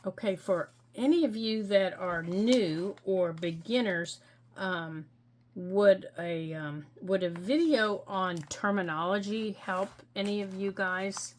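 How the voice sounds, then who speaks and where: A middle-aged woman hosting a crafting tutorial, explaining each step gently and patiently with frequent ums. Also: mid-range voice, takes it slowly, a little hiss or hum. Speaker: crafting channel host.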